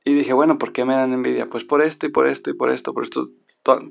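Gravelly man in reflective chat. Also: medium pitch, little pitch movement, fast talker, muffled recording. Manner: reflective, many restarts and fillers. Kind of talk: casual conversation.

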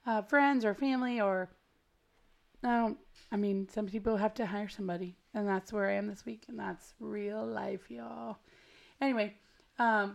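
American woman chatting on her podcast, gravelly n hoarse w/ a cold, lots of fry, rambly and slangy. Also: mid-range voice. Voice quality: gravelly, smoky voice. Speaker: podcast host. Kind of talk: casual podcast intro chat. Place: at home.

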